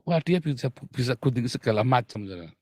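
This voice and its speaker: A man from Indonesia preaching a sermon, blunt and animated, with sudden loud outbursts. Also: mid-range voice, fairly quick, dry recording, clean studio sound. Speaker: pastor.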